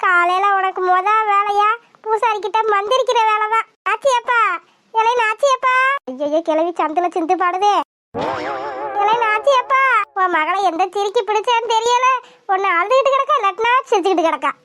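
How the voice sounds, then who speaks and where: A woman's voice: very high voice, brisk, a bit bright. Woman voicing a fussy superstitious village grandmother. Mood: scolding. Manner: scolding, fretful, nagging. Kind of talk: cartoon voice acting.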